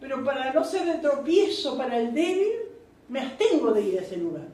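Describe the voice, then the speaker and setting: A woman's voice: sits high, very animated, normal speed, warm tone. A woman giving church Bible teaching, preachy and full of amens and "¿no es cierto?" asides. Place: church meeting room. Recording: echoey church room, mic far off.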